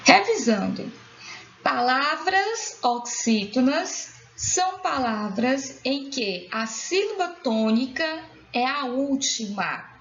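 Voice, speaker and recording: Slow, clear Brazilian woman teacher. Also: high voice, big pitch swings, fairly bright tone, slight background noise. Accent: Brazilian Portuguese. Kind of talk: recorded school lesson for children. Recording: dull lo-fi sound in an echoey room.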